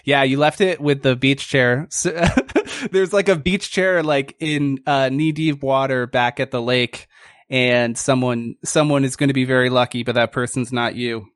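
A man casually narrating a tabletop game as game master, improvising in a halting way. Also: medium pitch, steady tone, no room sound, clean studio sound.

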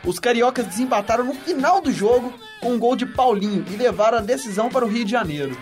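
A man's voice: very high voice, expressive, fast, soft background music. A man hosting a sports news round-up with casual banter. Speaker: sports show host.

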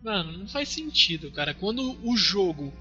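A man's voice: sits high, sing-song, normal speed, bright, forceful tone. A man with a Brazilian Portuguese accent, co-hosting a casual chat and giving earnest opinions. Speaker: podcast co-host. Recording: dull lo-fi audio, faint music.

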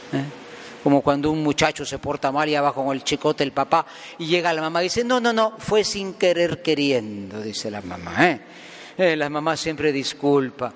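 Joking priest in a cathedral. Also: male voice, fairly high pitch, fairly bright tone, slight background noise. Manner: folksy and joking, asks the congregation questions. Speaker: priest preaching at Mass. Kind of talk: Palm Sunday homily. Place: large cathedral. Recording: long church reverb, faint ambience.

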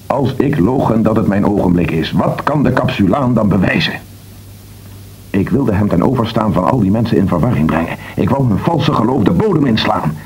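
A man's voice: fairly low pitch, expressive, normal speed, a little mellow, breathy edge, poor audio. An actor playing a defiant man who doubts the fixed hour of death, with an intense, probing manner, in a radio drama.

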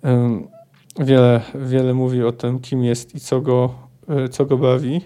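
Male podcast host, mellow, reads and muses haltingly over a book. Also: medium pitch, level tone. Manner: halting, many fillers and self-corrections. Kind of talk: book summary with read-aloud passages.

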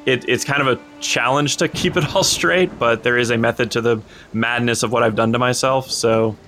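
Man, podcast regular, bright forward tone, eager and rambling. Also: medium pitch, steady tone, normal speed, a little hiss or hum. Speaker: podcast co-host and player. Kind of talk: casual podcast chat.

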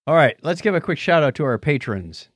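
Music plays as a man co-hosts a studio podcast in a fairly high, sing-song voice, speaking briskly. There's no room sound, and he jumps between announcements and light, playful banter.

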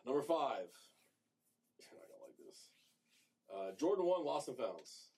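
A man's voice: medium pitch, big pitch swings, unhurried, mellow. A man in his thirties co-hosting a podcast, laid-back and jokey, rambling in casual chat. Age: 30s. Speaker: podcast co-host.

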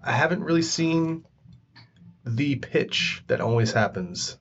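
A man's voice: fairly high pitch, expressive, slow, muffled recording, slight background noise. A man hosting a podcast in casual chat, joking, laughing often and stumbling over his words. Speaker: podcast host.

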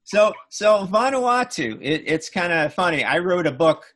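A man's voice: high-pitched, big pitch swings, measured pace, a bit bright. A middle-aged man hosting an interview, friendly and chatty, full of agreeing "yeah"s. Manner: affable, lots of agreeing fillers. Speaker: podcast host. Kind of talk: casual interview chat.

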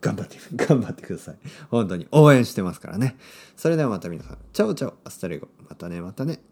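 A man hosting a podcast for Japanese learners, speaking simply with lots of repetition and a playful, expressive delivery. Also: fast. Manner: clear, simple phrasing for learners with repeated words; expressive and playful, with sudden pitch jumps. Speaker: podcast host and Japanese teacher.

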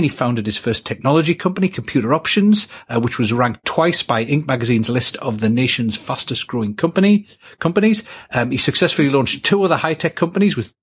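A man hosting a podcast interview, his speech loose and conversational with the odd "um". His voice is husky, at a middle pitch for a man. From United Kingdom. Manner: conversational, with frequent "um" and warm laughs. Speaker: podcast host. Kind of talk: casual interview.

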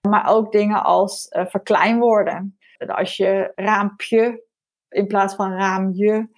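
A woman's voice: mid-range voice, steady tone, a little slow. A woman language researcher explaining her findings in an interview, thoughtful and a little hesitant.

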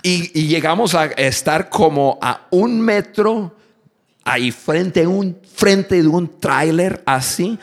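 A man tells comic stories from his own life, his voice sitting a little high and swinging widely in pitch. He acts out the shouting moments and laughs along with his own tales. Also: animated, takes it slowly. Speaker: speaker on communication. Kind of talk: storytelling talk to an audience.

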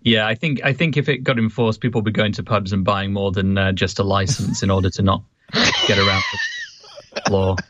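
A man's voice: on the low side, steady tone, a little fast, fairly bright tone, dry recording, lo-fi sound. A British man giving casual commentary as a guest, hesitant and dryly sarcastic.

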